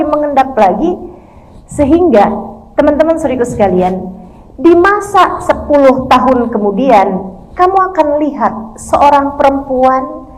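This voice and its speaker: A woman in her forties from Indonesia, an Islamic preacher giving a sermon to women, telling stories in a lively way and acting out what a husband and a wife say. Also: high voice, rough recording. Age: 40s. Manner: lively storytelling, acts out voices of husband and wife.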